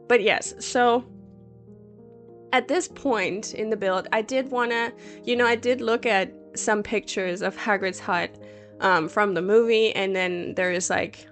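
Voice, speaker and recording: A woman around her thirties, a Sims builder and YouTuber, chats and rambles casually with many fillers while working on a video game build. Her mid-range voice is fairly bright but hoarse from a recent cold.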